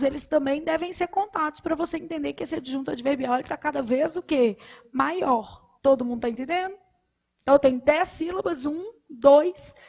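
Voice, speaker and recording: A woman with a Brazilian Portuguese accent teaching grammar, asking the class questions and answering them herself, and counting syllables aloud slowly. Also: high-pitched, creaky, a little mellow, muffled recording. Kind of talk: recorded grammar lesson.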